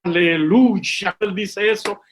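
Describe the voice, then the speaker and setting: A reverend with a high voice speaks slowly as he tells a missionary testimony from the pulpit. Deeply emotional, he repeats himself and addresses the audience as brothers and sisters.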